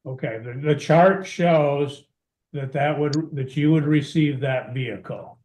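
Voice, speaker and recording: Judge in an echoey courtroom recording. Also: male voice, fairly high pitch, measured pace, a little mellow. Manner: firm, interrupting to keep order. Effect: courtroom recording played back on a stream. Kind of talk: ruling in a court hearing. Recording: echoey courtroom audio from a room mic.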